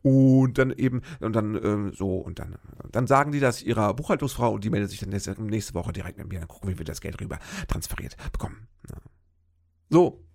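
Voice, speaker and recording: Gravelly, fast-talking self-mocking comedian man. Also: lowish voice, lively intonation, a little mellow. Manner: rambling, self-mocking, chatty with asides. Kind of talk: casual comic storytelling monologue.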